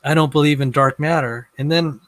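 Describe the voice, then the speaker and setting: Halting man with a slightly high voice. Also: fairly even intonation, a bit bright, no echo. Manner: halting, repeats words as he restarts. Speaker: guest in a debate on creation and science. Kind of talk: casual video-call conversation.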